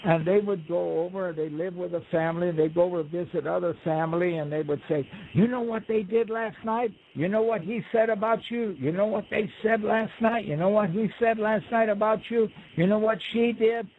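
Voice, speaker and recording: A guest storyteller with a high-pitched voice spins folksy, rambling tales at a normal speed, with hardly any pauses, acting out the quoted voices in relaxed conversational storytelling. He comes through a tinny phone line with faint hiss.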